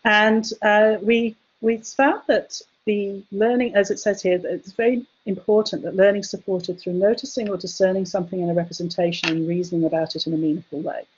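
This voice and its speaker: A woman giving an academic chemistry education webinar, talking hesitantly with many fillers and restarts, her voice going hoarse. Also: mid-range voice, fairly even intonation, fairly quick, hardly any pauses, a little mellow, slight background noise. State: losing her voice, coughing. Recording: dull lo-fi webinar audio.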